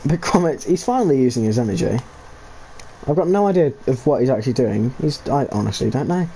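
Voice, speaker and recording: A man calling a sim racing league session live, his pitch swinging up and down as he reacts to the cars. He is excitable and jokey, drifting into rambling asides. There is a faint hum of room noise behind him. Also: a little fast. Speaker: race commentator.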